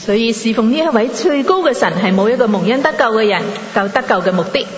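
A woman's voice: on the high side, lively intonation, quick pace. A woman interpreting a sermon live, phrase by phrase. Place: large conference hall. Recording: muffled, echoey hall, audible congregation. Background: congregation noise.

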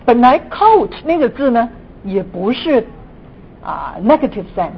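A woman from Guangdong, China, gives a church teaching lecture in Cantonese-accented Mandarin at a measured pace, her pitch swinging widely. She uses frequent sentence particles and mixes in English terms. The lo-fi room recording is dull and muffled, with audible noise and rumble.

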